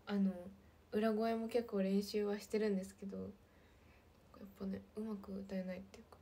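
A woman in her twenties with a light lilt, chatting casually on a livestream and reading viewer comments, often slipping into soft half-whispers. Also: medium pitch. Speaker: idol livestream host.

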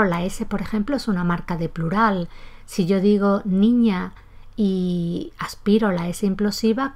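A woman teaches a pronunciation lesson in a calm, methodical way. She says example words aloud to show the sounds, and she aspirates the final S in her own speech. Her voice sits at a middle pitch. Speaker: language teacher. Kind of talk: explanatory lesson.

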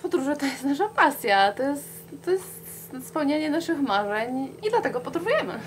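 A woman's voice: high voice, very animated, normal speed, a little hiss or hum. A young woman travel vlogger answering viewer questions in casual chat, hesitating often with fillers. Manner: chatty, hesitant with many fillers.

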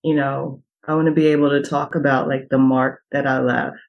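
A woman who works as a coach, a guest on a podcast, speaking in a reflective, halting way with restarts. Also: very deep voice, flat delivery, lo-fi sound. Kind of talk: casual podcast conversation.

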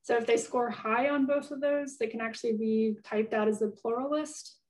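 A woman's voice: on the high side, steady tone, normal speed. Distant-sounding woman answering questions. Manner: thoughtful, hedging, many fillers. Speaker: guest speaker answering audience questions. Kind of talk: conversational Q&A answers.

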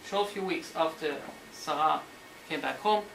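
A man lecturing on history as a story, animated and sometimes searching for words, acting out the quotes. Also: a little high, measured pace, vocal fry. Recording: roomy hall, mic at a distance, faint noise.

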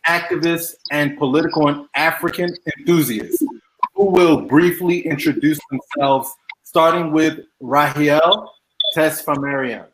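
A man's voice: a little high, a little slow, fairly bright tone, slight background noise, rough recording. A man moderating an online panel over a video call, reading formal prepared remarks.

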